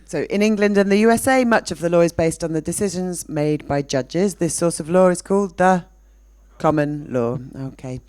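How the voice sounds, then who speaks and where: Male teacher, classroom reading, fairly high voice, dry sound. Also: moderate pace, a little mellow, smooth, no echo. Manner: reads exercise text aloud, checks in with "okay". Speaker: English teacher. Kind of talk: classroom instruction.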